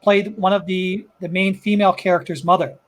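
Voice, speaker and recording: A man on a casual online panel, briskly listing trivia and agreeing with the host. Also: high-pitched, level tone.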